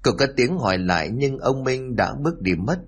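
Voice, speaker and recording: A man narrating a Vietnamese village horror story in a steady, somber scripted reading. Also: mid-range voice, normal speed, breathy edge.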